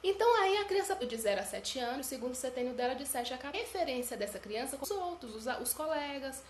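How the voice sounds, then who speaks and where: A woman's voice: sits high, sing-song, fast talker, a little hiss or hum. A woman giving a talk on self-esteem, often asking questions and then answering them herself. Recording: roomy echo.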